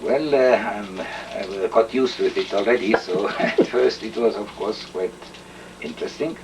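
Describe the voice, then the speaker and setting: Older estonian guy, low voice, lots of uh and throat clearing, mic a bit far off with faint hiss. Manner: measured, hesitant, many fillers and throat clearing. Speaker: interviewee, chemist. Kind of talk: oral history interview.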